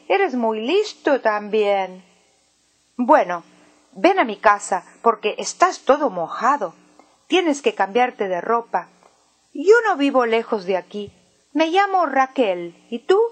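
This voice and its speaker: A woman voicing a kind, flustered older woman who has just been robbed and talks warmly to the boy who helped her. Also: high voice, full character voice. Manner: frantic shouting, then warm praise.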